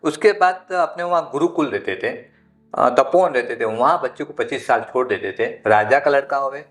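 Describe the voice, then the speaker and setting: A man speaking as a Jain monk guest in a podcast interview, teaching through long rambling anecdotes and climbing high in pitch when he stresses a point. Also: moderate pace, a bit bright, faint music behind.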